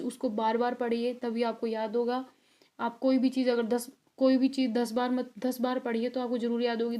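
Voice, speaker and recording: A woman's voice: on the high side, mellow. A young woman teaching an exam-prep video lesson, chatty and encouraging, checking often that her students follow. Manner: frequent check-ins and fillers.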